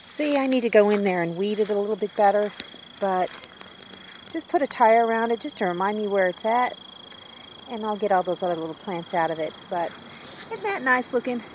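A woman's voice: mid-range voice, lively intonation, a little fast, a little mellow, slight background noise. Chatty woman on an outdoor phone walk. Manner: chatty, wondering aloud, easily delighted. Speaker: vlogger. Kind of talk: casual walk-and-talk vlog. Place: outdoors in woods and fields. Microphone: handheld phone camera.

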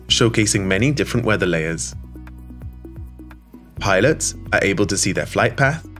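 Polished low-voiced male corporate narrator. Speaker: voice-over narrator. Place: studio voice-over. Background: soft background music.

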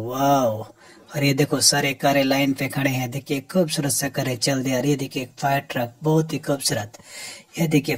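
A man narrating a toy show-and-tell with eager excitement, calling out each item and repeating "look, look" again and again. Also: medium pitch, slightly rough.

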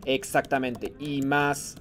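A man's voice: medium pitch, little pitch movement, slow, fairly bright tone, a little hiss or hum. A man teaching a Japanese class in Spanish, patiently calling on students by name and mixing Japanese phrases into his explanations. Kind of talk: online class lesson.

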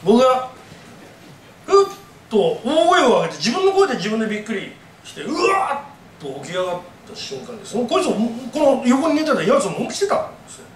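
Male horror storyteller with a high voice that leaps around, telling a live ghost tale in a dramatic way, picked up from a distance. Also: sing-song, fairly quick, a little hiss or hum. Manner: dramatic, acts out voices and gasps. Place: live event venue. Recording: echoey room from far off.

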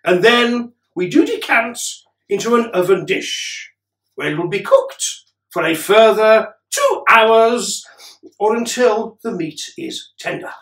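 A middle-aged man playing a pompous King Henry VIII as a cookery demonstrator, with archaic, deliberate phrasing and dramatic pauses, recorded in a room from a distance. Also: sits high, sing-song, fairly bright tone, exaggerated voice. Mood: stately, instructive. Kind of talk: mock-Tudor cookery demonstration to camera. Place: indoor room with cloth backdrop. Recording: roomy, distant camera microphone.

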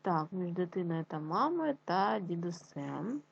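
A woman teacher leading a children's reading lesson on video, stretching syllables slowly, counting aloud and often praising her pupils. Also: lowish voice, very animated, creaky, breathy edge, dull audio. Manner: slow, drawn-out syllables and counting for kids. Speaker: primary school teacher.

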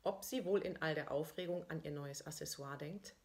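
A woman with a fairly low voice reads her own diary-style prose, keeping her delivery wry and deadpan. The tone is that of an author performing her own text. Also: moderate pace. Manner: dry, ironic storytelling. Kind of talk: first-person diary-style story reading.

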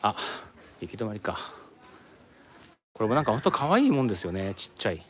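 A man's voice: fairly low pitch, very animated, fairly quick. A man from Japan chatting casually on a live stream while walking around an outdoor tourist site, rambling and answering viewer comments. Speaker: live streamer, office worker in Korea.

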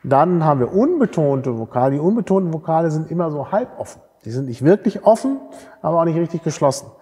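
A man's voice: on the high side, big pitch swings, quick pace, dark tone, slightly rough. Lecturing man in a reverberant hall. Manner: explanatory, frequent tag questions and fillers. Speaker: university lecturer. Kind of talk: university lecture.

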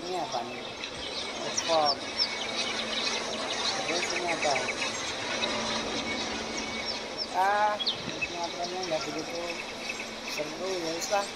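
A gaming channel host giving casual, excitable commentary while playing, with frequent exclamations and laughs. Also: mid-range voice, measured pace, pauses often. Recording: loud background noise with birdsong.

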